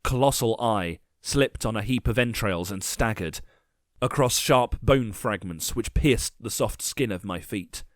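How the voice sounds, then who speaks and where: A man narrating a dark first-person story with measured, grim delivery. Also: fairly low pitch, no echo, studio quality.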